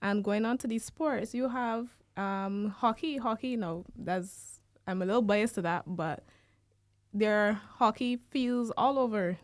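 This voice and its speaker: Young bajan woman on student radio, thinks out loud, halting, very dry sound. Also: medium pitch, dry recording. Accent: Barbadian. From Barbados. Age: young adult. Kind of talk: informal radio discussion.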